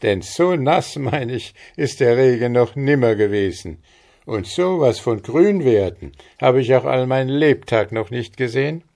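A man's voice: on the low side, measured pace, darkish tone. A man voicing a hearty, good-natured young farmer in a fairy-tale reading.

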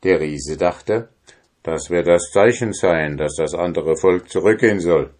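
A man reading a fairy tale aloud in a measured, calm storytelling manner. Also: sits low.

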